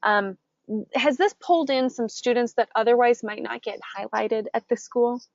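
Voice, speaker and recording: An American woman hosts a webinar, guiding a software demonstration and interviewing her guest with encouraging questions. Her voice is on the high side with vocal fry, at a moderate pace. The audio is dull, with no echo.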